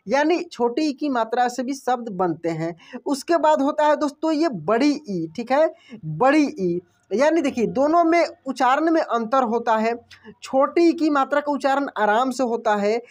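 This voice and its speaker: A man teaching a language lesson, repeating each example word slowly and clearly and quizzing himself with short questions before answering. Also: very high voice. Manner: drills words by repeating them with quick self-questions. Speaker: Hindi teacher. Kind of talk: classroom-style lesson.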